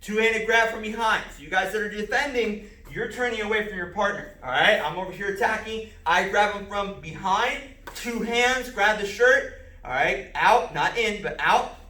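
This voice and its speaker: Bright-voiced man teaching self-defense. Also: sits high, moderate pace, reverberant, far from the mic. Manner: calls out moves step by step, sharp shouted strikes. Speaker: martial arts instructor. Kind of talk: filmed self-defense lesson. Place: empty martial arts school.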